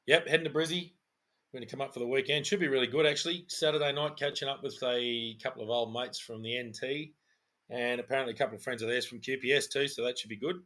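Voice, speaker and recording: A man's voice: medium pitch, fairly even intonation, quick pace, bright, forceful tone. A middle-aged man with an Australian accent chats casually as a podcast co-host. He talks like a laid-back working bloke, with plenty of slang and an easygoing delivery. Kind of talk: casual chat.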